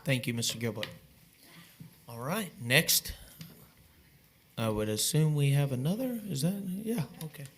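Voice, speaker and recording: A man's voice: medium pitch, expressive, unhurried, pauses often, a little hiss or hum. A man chairing a public meeting, giving informal procedural instructions in a folksy, wry way.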